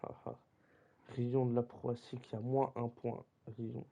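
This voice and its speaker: Slow, gravelly young man streaming. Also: medium pitch, monotone, dark tone. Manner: slangy, teasing, keeps saying "gros". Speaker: streamer running a football league. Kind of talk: casual live-stream chat. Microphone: desk microphone.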